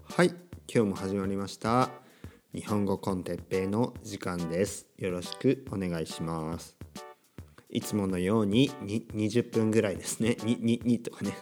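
Man, podcast host, low voice, lively intonation, chatty asides, faint music behind. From Kyushu, Japan. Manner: chatty, self-deprecating, frequent filler asides and rhetorical questions. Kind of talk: casual solo podcast for Japanese learners.

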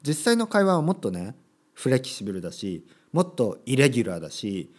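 A man's voice: mid-range voice, sing-song, brisk. A man hosting a casual solo podcast for learners. He thinks aloud and tags his sentences with little asides. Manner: thinks aloud, adds frequent tag words to sentences; acts out short sample dialogues in a livelier voice. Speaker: podcast host for Japanese learners.

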